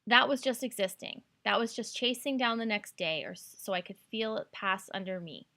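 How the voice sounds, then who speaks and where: Her voice is mid-range and sharp, at a moderate pace. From Canada, she hosts a book recommendation podcast, chatting casually in a gushing, enthusiastic manner and reading out blurbs and quotes.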